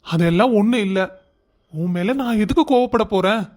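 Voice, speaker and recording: A man voices a warm-hearted old father-in-law, gentle, high-pitched for a man. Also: normal speed, close to an everyday voice. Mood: reassuring. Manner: gentle, reassuring. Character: kind elderly father-in-law, gentle and protective.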